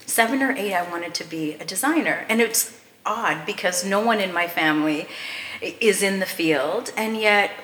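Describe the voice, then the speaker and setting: A woman's voice: medium pitch, normal speed, fairly bright tone, roomy sound. A Canadian woman, a podcast guest, chatting casually and enthusiastically with frequent fillers and laughs. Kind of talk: casual interview chat.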